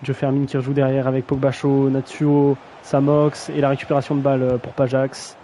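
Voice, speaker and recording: A man's voice: mid-range voice, completely flat delivery, fairly quick, dark tone, a little hiss or hum, low-quality recording. A young man casually commentating a video game match on a live stream, slangy and self-mocking, often stumbling over player names.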